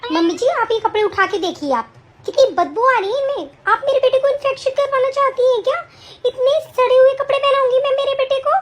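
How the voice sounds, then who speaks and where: A woman's voice: very high-pitched, fairly quick, background noise. A woman playing a demanding young mother who bosses her in-laws around, scolding and commanding in an amateur family drama. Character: young mother daughter-in-law, bossy and demanding.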